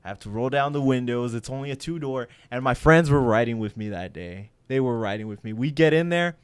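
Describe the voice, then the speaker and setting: A man in his twenties, co-hosting a casual chat and telling a crude story in an animated way, swearing and laughing as he goes. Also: medium pitch, a little fast, clear, resonant tone. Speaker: podcast co-host.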